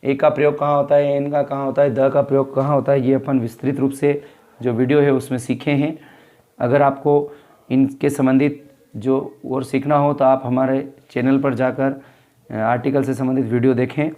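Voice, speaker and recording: A man from India teaching an English workbook lesson, reading sentences slowly and explaining them in Hindi. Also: mid-range voice, narrow, tinny audio.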